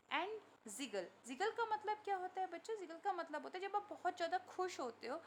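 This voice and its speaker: A woman's voice: high voice, a little hiss or hum. A woman from India with an Indian English accent, a primary school teacher patiently explaining a poem to children. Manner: slow, patient explaining, mixing English and Hindi.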